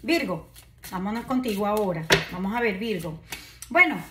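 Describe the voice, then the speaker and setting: A woman's voice: medium pitch, animated, moderate pace, background noise. Brief: woman, 40s, tarot reader, chatty and reassuring, filmed on a phone at a table indoors. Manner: chatty, reassuring, many fillers and "¿verdad?" asides. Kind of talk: casual tarot reading to camera. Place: decorated indoor room at a table.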